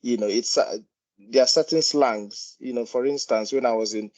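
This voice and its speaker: A man with a Nigerian accent speaks in a mid-range, slightly mellow voice at a moderate pace. He's a GP taking part in an informal meeting discussion, and he hesitantly repeats words as he explains things.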